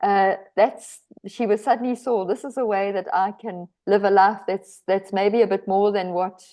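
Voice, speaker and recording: A woman's voice: medium pitch, fairly even intonation, moderate pace, mellow. A woman from South Africa with a South African accent, an author answering podcast interview questions with lots of hesitant restarts and easy laughter. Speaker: author guest.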